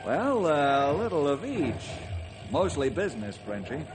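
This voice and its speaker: An actor playing a kindly, earnest American ranger in an old-time western radio drama, with a folksy, reassuring manner. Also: male voice, a little high, sing-song, measured pace, over music, low-quality recording. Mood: earnest, persuasive.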